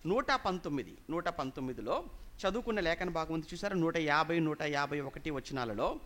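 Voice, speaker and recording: A man preaching a sermon, emphatic, repeating phrases and questioning his listeners, swinging between loud and hushed. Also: a little high, lively intonation, brisk. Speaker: pastor.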